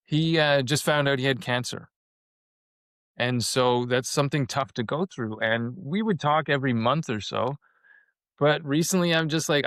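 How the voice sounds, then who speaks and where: A man's voice: medium pitch, a bit bright, no room sound. Reflective man in his fifties, dry sound. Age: 50s. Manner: reflective, repeats words when starting thoughts. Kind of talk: casual conversation.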